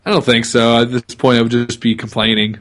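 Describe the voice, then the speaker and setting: A man's voice: medium pitch, little pitch movement, brisk, fairly bright tone. A man co-hosting a casual podcast, laid-back, laughing along and giving short agreements. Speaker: podcast co-host.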